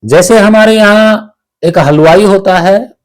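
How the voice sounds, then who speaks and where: A man giving a slow, explanatory spiritual discourse, often checking that listeners follow. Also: high voice. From Haryana, India. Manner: slow, explanatory, asks "ठीक है" to check understanding. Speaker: spiritual teacher.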